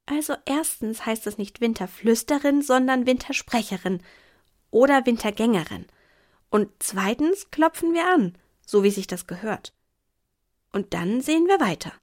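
A woman voicing a calm, direct, self-assured girl in a storybook reading. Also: a little high, slow, pauses often, breathy edge, exaggerated voice. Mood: composed. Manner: composed, direct.

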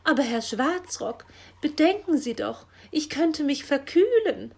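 A woman's voice: sits high, lively intonation, unhurried, darkish tone, pitched above the performer's own voice. A woman voicing a nosy, whiny female magpie in a children's story, complaining and defending herself. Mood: whining. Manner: whining, defensive.

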